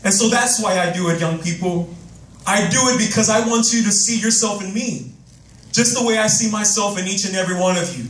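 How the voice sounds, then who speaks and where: High-voiced man telling a heated life story. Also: fairly quick. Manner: emotional, animated, repeats words when stirred. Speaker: motivational speaker. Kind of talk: personal storytelling speech to youth. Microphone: handheld microphone. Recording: roomy, distant microphone sound.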